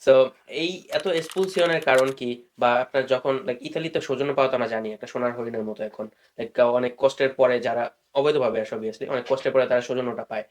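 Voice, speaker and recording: A man's voice: mid-range voice, brisk. A man from Bangladesh interviewing a guest, asking questions in a casual conversational way and mixing English fillers into his speech.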